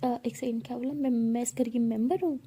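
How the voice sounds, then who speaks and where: A woman's voice: on the high side, steady tone, warm tone, husky. A woman voicing a teasing, hyper young college woman who scolds and fusses. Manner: bossy, scolding, fast-talking.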